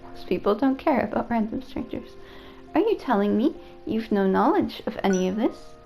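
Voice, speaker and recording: A woman's voice: a little high, animated, normal speed, vocal fry, warm tone, faint music behind, rough recording. A woman reading as a fretful robot AI caretaker. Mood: earnest. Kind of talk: reading game dialogue aloud.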